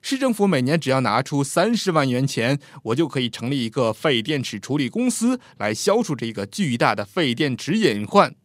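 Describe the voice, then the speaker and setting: A man's voice: medium pitch, very animated, normal speed, few pauses, no room sound, clean studio sound, lightly acted. A man voicing a confident young man who speaks frankly and cheerfully in a told story. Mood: hearty.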